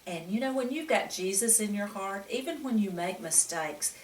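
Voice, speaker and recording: A woman with a medium-pitched voice and lively intonation reads a picture book aloud to young children at a moderate pace, full of expression, exclamations, and questions for the listener. The distant-mic recording has an echoey room and a little hiss or hum.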